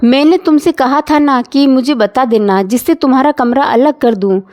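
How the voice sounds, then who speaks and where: A woman's voice: sits high, normal speed, a little mellow, natural voice. A woman voicing a strict, traditional older mother-in-law with a scolding, insistent manner, in a storybook reading.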